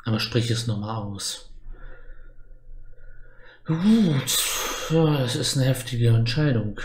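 A man's voice: medium pitch, expressive, takes it slowly, a little mellow. A man giving casual gameplay commentary, musing aloud and repeating stock exclamations. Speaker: let's play host.

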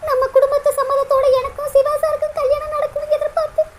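A woman's voice: very high voice, level tone, fast talker. A woman voicing a heartbroken young woman in a cartoon, talking through sobs and pleading. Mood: tearful. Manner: sobbing, pleading.

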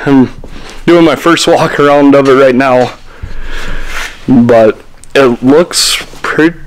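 A man's voice: mid-range voice, slight background noise, rough recording. A young man on his farm, talking easygoing into a camera he holds at arm's length, thinking aloud with fillers. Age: young adult. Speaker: farm vlogger. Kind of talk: casual vlog narration. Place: tractor cab, outdoors on farm and machine shed.

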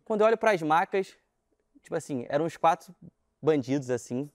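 Casting: young Rio man, high voice, quick slangy storyteller, laughs through his lines, dry close sound. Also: no room sound. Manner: animated slangy storytelling, laughing while talking. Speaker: guest storyteller. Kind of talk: casual anecdote on a talk show.

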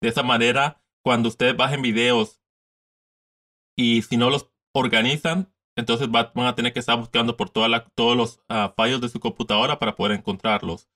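A man's voice: medium pitch, fairly even intonation, moderate pace, bright, forceful tone. A man in his thirties giving a casual step-by-step screen tutorial from his desk, repeating steps and mixing in English words. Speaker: tutorial host.

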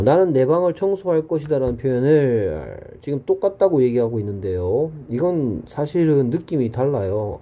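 Husky, dark-voiced male English teacher. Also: medium pitch. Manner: explains grammar step by step, reads English examples slowly. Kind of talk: recorded exam-prep lesson.

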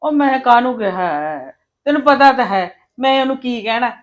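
Casting: actress as a fault-finding elder sister-in-law, dull lo-fi recording. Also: female voice, medium pitch, a little fast, close to an everyday voice. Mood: gossipy. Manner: complaining, gossipy. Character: gossiping elder sister-in-law, critical of the young wife. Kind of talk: short-film drama dialogue.

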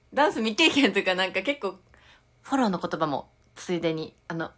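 A woman's voice: medium pitch, a bit bright. A young woman with a Tokushima dialect, chatting casually on a live stream and reading viewer comments aloud with frequent giggles. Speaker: idol livestreamer.

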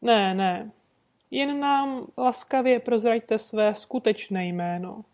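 A woman reading an audiobook, voicing a composed, courteous gentleman detective who speaks calmly and sweetly insists. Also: mid-range voice, natural voice. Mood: suave. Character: composed, suave gentleman detective, adult man.

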